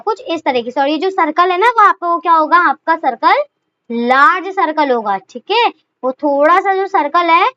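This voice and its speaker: High bright-voiced woman teaching shorthand. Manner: chatty, repeats rhetorical questions and okay. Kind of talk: explaining a lesson step by step. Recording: dull lo-fi recording.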